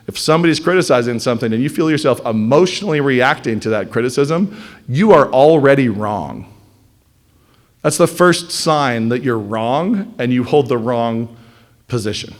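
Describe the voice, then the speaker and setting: A man giving a blunt, animated lecture to a live class, sometimes mocking the voices of others. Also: mid-range voice, moderate pace. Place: classroom or hall with audience.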